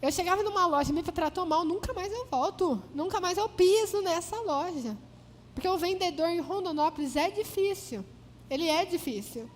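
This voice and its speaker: High-voiced woman preaching in a hall. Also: lively intonation, normal speed, a little hiss or hum. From Paraná, Brazil. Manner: storytelling, acting out dialogue. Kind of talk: sermon.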